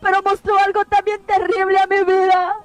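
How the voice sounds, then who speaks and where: A woman's voice: extremely high pitch, level tone, normal speed, no room sound, faint music behind, poor audio. A woman preacher earnestly recounting a dream as an emotional testimony, pleading and often close to tears.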